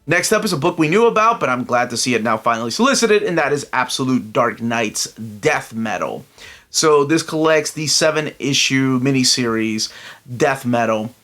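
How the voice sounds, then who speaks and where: A middle-aged Peruvian host of a comic book collector channel speaks animatedly at a moderate pace, his medium-pitched voice pushed and bright. His casual solo review vlog is chatty and upbeat, with wandering asides full of filler.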